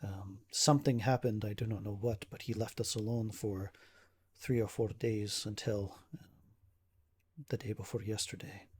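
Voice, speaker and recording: A man's voice: fairly low pitch, fairly even intonation, darkish tone, a little hiss or hum, lightly acted. A man playing a weary, grieving young nobleman. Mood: worried. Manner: formal, halting old-fashioned speech. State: stressed and tired.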